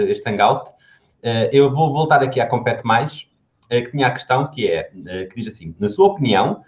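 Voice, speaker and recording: A man with a European Portuguese accent hosting an online hangout, reading out questions with many hesitant fillers. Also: medium pitch. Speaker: host. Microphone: video call. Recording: roomy dull video call audio.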